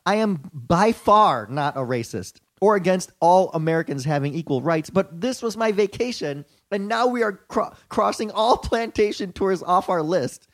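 A man's voice: high voice, animated, normal speed, few pauses, no room sound. A man doing a huffy complaining woman tourist. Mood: indignant. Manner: mock-indignant reading aloud.

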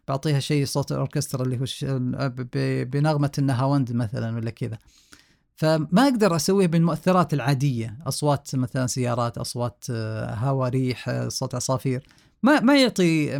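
Gravelly-voiced man explaining, hesitant. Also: medium pitch. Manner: hesitant, many restarts, explanatory. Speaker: sound engineer guest. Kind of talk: casual podcast interview.

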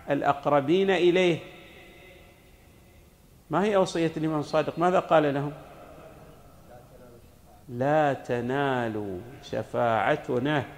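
A male cleric preaches in a mosque, his voice pitched a little high with a gravelly edge. He teaches in a didactic way, posing questions and then answering them. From Saudi Arabia. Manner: didactic, asks questions and answers them himself, demonstrates recitations. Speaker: cleric giving a religious lecture. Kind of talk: sermon.

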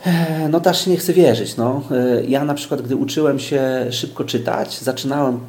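A man's voice: medium pitch, moderate pace, a little mellow, echoey room, slight background noise. A man who teaches speed reading, explaining it patiently in an interview with everyday examples and frequent hesitations.

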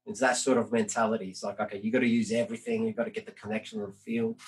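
A man's voice: lowish voice, lively intonation, racing, low-quality recording. A man hosting a casual podcast conversation, talking in a rambling way with many fillers. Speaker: podcast host.

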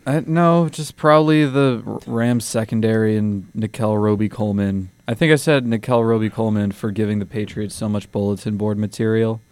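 A man's voice: on the low side, steady tone, fairly quick, few pauses, darkish tone, clean tone, no echo. A young man co-hosting a sports radio show, answering in curt, grumpy retorts. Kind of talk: casual sports banter.

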